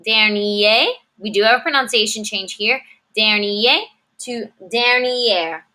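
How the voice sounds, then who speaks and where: A woman teaches French, her voice pitched a little high and bright. She says each word slowly and repeats it for pronunciation, then explains in English at an unhurried, measured pace. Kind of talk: slow, clearly enunciated language lesson.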